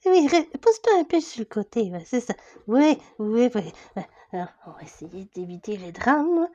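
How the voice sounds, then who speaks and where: A bossy, self-important princess hostess, played by a woman with a Québec French accent. She speaks in a high voice that swoops up and down as she orders everyone around. The recording sounds slightly muffled, like a home setup. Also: big pitch swings, normal speed, mellow. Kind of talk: toy role-play storytelling.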